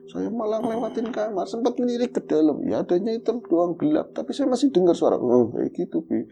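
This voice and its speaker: A man telling a true horror story in casual chat, animated as he acts out his own calls and growls. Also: high voice, brisk, creaky, muffled recording. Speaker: guest storyteller.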